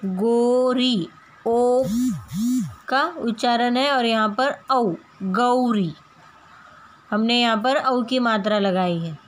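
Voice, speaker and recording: Female primary teacher, higher voice, very slow and deliberate, models each sound clearly. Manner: repeats and stretches words to model pronunciation. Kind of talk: slow, careful phonics lesson.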